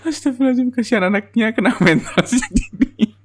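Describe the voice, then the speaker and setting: A young adult reaction vlogger, laughing to tears and exclaiming loudly over and over in casual commentary. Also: mid-range voice, quick pace. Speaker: reaction video creator.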